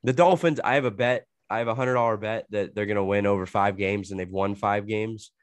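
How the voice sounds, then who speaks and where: Young guy with a cold rambling on a podcast, kinda low voice, super dry close sound. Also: a little fast, no echo. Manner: rambling, heavy filler "like", laughs a lot. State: sick with a cold, coughing. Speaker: podcast co-host. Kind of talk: casual chat.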